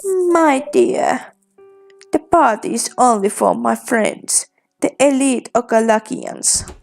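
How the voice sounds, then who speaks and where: A woman voicing a haughty, condescending society lady in a game, speaking slowly over soft music. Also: fairly high pitch, lively intonation, gravelly, exaggerated voice. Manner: curt and condescending. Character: haughty elite society lady, dismissive and proud.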